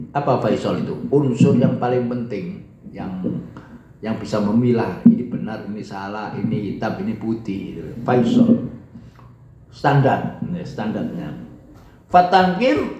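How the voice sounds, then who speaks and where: Man, Indonesian accent, Arabic teacher, slow deliberate delivery, echoey classroom, dull lo-fi recording. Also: medium pitch, a little mellow. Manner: slow, reads Arabic text aloud and explains it line by line; acts out example sentences with rising and falling intonation. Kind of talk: classroom lesson. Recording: echoey room, dull lo-fi sound.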